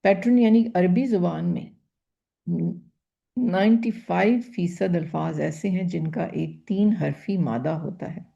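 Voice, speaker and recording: A woman's voice: fairly low pitch, measured pace, vocal fry, mellow, lo-fi sound. A woman teaching a grammar class, patiently repeating terms and asking her students rhetorical questions. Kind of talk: grammar lecture.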